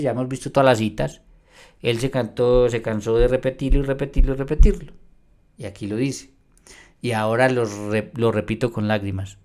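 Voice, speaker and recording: A man of ordinary pitch who teaches scripture in a video reply. He reads passages slowly and with weight, then turns to argue straight at another pastor. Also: darkish tone. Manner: emphatic, reads verses aloud and argues; addresses a rival pastor directly. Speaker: Bible teacher.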